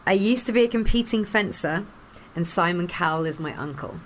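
Guest, woman, mid-pitched voice, wry and relaxed, faint ambience. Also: fairly quick, slight background noise, poor audio. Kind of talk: casual chat.

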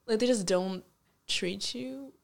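A woman from North America chatting casually in a group, hesitant and halting in her phrasing. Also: mid-range voice, gravelly.

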